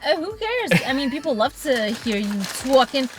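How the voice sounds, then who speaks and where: A woman co-hosting a casual mukbang chat, playful and quick to giggle. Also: high voice, sing-song, soft background music. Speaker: mukbang co-host.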